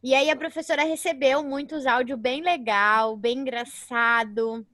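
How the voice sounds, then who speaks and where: At a normal speed and with fairly even intonation, a high-voiced woman with a Brazilian accent teaches an online class in a chatty manner. Her tone is a bit bright and the recording dry; she often tacks on a questioning "né?" and calls herself "a professora."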